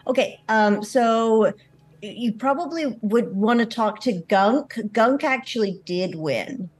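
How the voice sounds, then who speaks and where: A woman's voice: fairly high pitch, lively intonation, slow pace. A woman role-playing casually as a player in a tabletop game. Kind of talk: casual in-character role-play chat.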